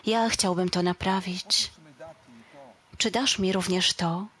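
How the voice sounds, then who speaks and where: A woman voicing a kind male Jesus who speaks softly and reassuringly to a child in a told story. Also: mid-range voice, steady tone, slow, breathy edge. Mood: gentle.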